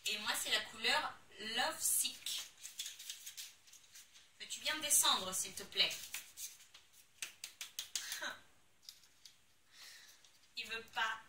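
Une jeune femme à l'français qui déballe des produits de beauté avec enthousiasme, en parlant de façon spontanée et exclamative. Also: female voice, fairly high pitch, drawn-out words, long pauses, background noise. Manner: excitable, gushing, exclamations. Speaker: beauty vlogger. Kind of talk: casual unboxing chat. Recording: echoey room, somewhat far from the mic.

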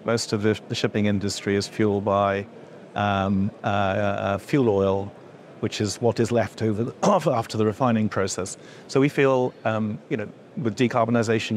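Low, flat-voiced middle-aged man explaining. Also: slight background noise. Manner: hesitant, many fillers and restarts, gesturing while explaining. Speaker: industry association executive. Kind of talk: explanatory interview answers. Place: indoor event room before a logo backdrop.

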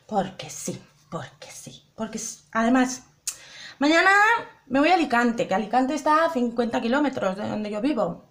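Chatty high-voiced woman vlogger. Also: fairly bright tone. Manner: chatty, addresses viewers directly, repeats herself. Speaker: beauty vlogger. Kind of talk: casual makeup tutorial.

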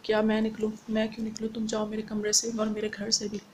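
A woman's voice: medium pitch, completely flat delivery, quick pace, darkish tone, slight background noise, natural voice. A woman reading as a teasing young husband. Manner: teasing, bantering.

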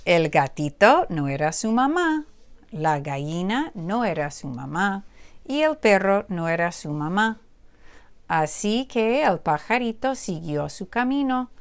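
Female storybook reader, unhurried and animated, asks the kids along the way. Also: mid-range voice, smooth. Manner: slow, expressive, asks listeners questions. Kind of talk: reading a picture book aloud.

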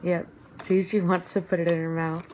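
A woman's voice: little pitch movement, normal speed, background noise. Woman cooing baby talk in a home video. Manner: soft cooing baby talk with high sing-song swoops. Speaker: mother filming her baby.

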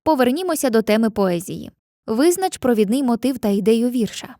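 A woman narrating a scripted literature lesson in a clear, measured way, reading lines of poetry slowly. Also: on the high side, lively intonation, mellow, no room sound.

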